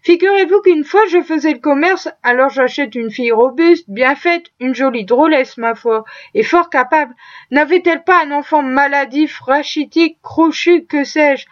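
A woman's voice: high voice, normal speed, close to an everyday voice. A woman voicing Marks, a thin, sly, rat-like man with a sneering manner, on a dull lo-fi recording.

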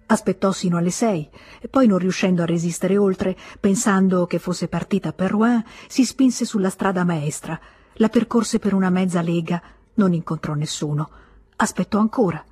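A woman narrating a literary audiobook in a measured, slow, dramatic reading. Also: on the low side, a little mellow, husky. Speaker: audiobook reader.

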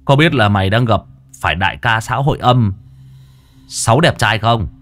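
Played by a man, a cocky young exorcist barks orders with a swaggering, blunt delivery. His low voice swings widely up and down as he bosses people around in a spoken ghost story. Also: animated, normal speed, a bit bright. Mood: threatening.

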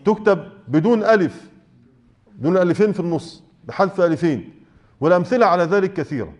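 Egyptian male teacher, high voice, chatty lesson style, keeps asking if the class follows. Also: expressive, quick pace, highs cut off. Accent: Egyptian Arabic. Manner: conversational, checks understanding with rhetorical questions. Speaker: Quran recitation teacher. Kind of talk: explaining a text in class. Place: mosque.

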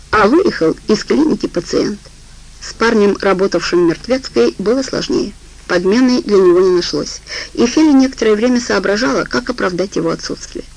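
Gravelly-voiced woman reading an audiobook. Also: mid-range voice, low-quality recording. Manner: steady, measured reading. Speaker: audiobook narrator. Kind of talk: scripted narration.

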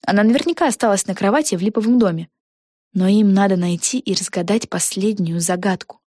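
A woman narrating a children's fantasy audiobook in a lively, expressive way. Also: medium pitch, brisk, no room sound, studio quality. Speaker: audiobook reader. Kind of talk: storybook narration.

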